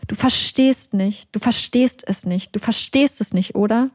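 A woman's voice: medium pitch, moderate pace, darkish tone, no room sound, studio quality, natural voice. A woman voicing the quoted lines of an aggressive, controlled, menacing man in a cold, clipped way.

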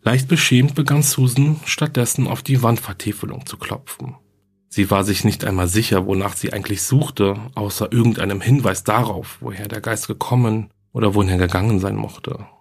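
A man giving a storybook narration in a steady, measured reading voice. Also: fairly low pitch, breathy edge, faint music behind.

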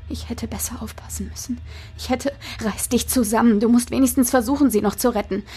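Woman voicing a desperate husky mother. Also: fairly high pitch, steady tone, fast, mellow, faint music behind. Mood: desperate whisper. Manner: breathless, pleading, often half-whispered. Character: desperate young mother fighting for her child.

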